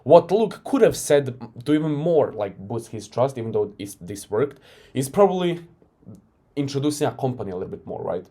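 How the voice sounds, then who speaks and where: With a Croatian accent, a man coaches by chatting through a recorded sales call, conversational and loose, with frequent "right?" tags. The voice is mellow and medium-pitched, swinging widely in pitch at a normal speed.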